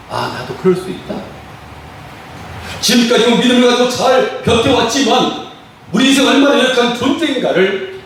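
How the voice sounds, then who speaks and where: A male pastor delivers a sermon in a high, animated voice that rises and falls widely. He keeps asking the congregation rhetorical questions and acts out the prayers he quotes. The sound comes from a distance in a very echoey hall with faint room noise behind it.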